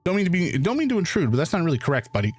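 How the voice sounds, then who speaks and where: A man voicing a tiny, cheeky ant from a hive mind in a squeaky little voice, as he reads a fantasy game aloud. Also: very animated, very fast, slightly rough. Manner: cheeky, defensive, talks of itself as we. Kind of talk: voicing a game character while reading aloud.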